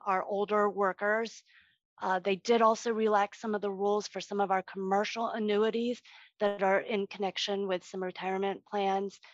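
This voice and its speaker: A woman speaking as a financial expert guest, explaining in a halting, hesitant way in an interview. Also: medium pitch, no echo. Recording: dry, slightly dull lo-fi audio.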